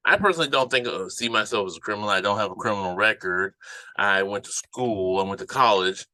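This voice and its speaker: A man's voice: lowish voice, quick pace, bright, forceful tone, no echo, low-quality recording. A man giving off-the-cuff political commentary as a podcast host, indignant and emphatic, often repeating phrases for emphasis.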